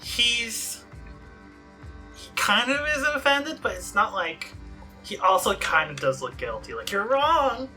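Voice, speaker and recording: A man's voice: sits high, sing-song, measured pace. A man playing a tabletop game, talking casually and describing how his character reacts. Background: soft music.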